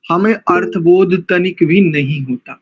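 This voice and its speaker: A man teaching a mantra recitation class, chanting and breaking words down syllable by syllable with deliberate care. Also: sits high, husky, muffled recording. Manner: slow, deliberate, syllable-by-syllable drilling.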